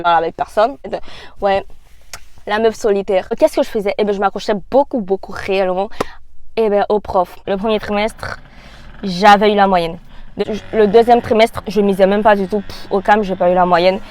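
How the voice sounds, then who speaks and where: Young woman, Ivorian French accent, casual storytime vlog, lively slang, phone mic in a car. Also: medium pitch. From Côte d'Ivoire. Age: young adult. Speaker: YouTuber. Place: parked car. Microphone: phone in a holder.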